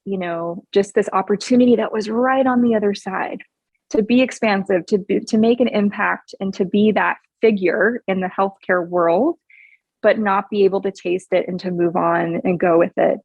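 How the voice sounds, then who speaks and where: A woman's voice: mid-range voice, fairly even intonation, normal speed, creaky, slightly rough, no echo. Earnest upbeat woman, dry close sound. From Hawaii. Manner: earnest and upbeat, warm with frequent laughs. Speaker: podcast guest. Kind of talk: casual interview chat.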